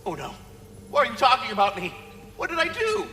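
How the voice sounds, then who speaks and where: An actor voicing a needy, fretful apparition of anxiety in a video game, nervous and panicky. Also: male voice, sits high, huge pitch swings, unhurried, bright, forceful tone, big-room sound, slight background noise, heavily acted. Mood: panicked. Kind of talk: video game character acting.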